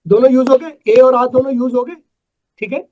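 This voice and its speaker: High-voiced man teaching English. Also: fairly quick, dark tone, lo-fi sound, slight background noise. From Pakistan. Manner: emphatic, quizzes students with repeated "right?". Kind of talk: live online class. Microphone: video call.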